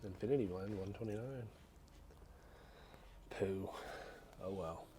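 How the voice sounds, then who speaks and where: Walking down a liquor store aisle, a Tennessee man who co-hosts a bourbon review channel half-whispers wry, joking remarks about prices. His fairly low voice moves slowly over a noisy background in this casual walk-through vlog.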